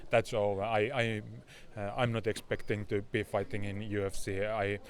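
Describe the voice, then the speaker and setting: Finnish guy, fighter doing a post-fight chat, lowish voice, halting english, keeps searching for words. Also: level tone. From Finland. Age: 30s. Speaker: MMA fighter being interviewed. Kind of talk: casual post-fight interview.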